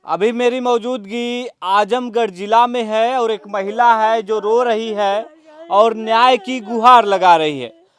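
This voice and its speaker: A woman reporting from the field and questioning an interviewee in a steady manner. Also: a little high, takes it slowly, clear, resonant tone. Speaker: news reporter.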